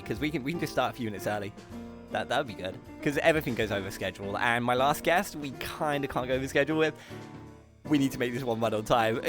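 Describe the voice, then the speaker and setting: A man hosting a live stream, chatting casually and excitably with viewers and pronouncing his r's as w's. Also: mid-range voice. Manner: says w for r. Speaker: host of a live streamed show.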